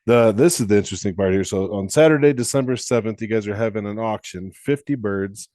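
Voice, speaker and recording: A man's voice: fairly low pitch, brisk, warm tone, dry recording, clean studio sound. A man hosting a podcast interview, chatty and often restarting his questions mid-sentence. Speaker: podcast host. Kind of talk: casual interview.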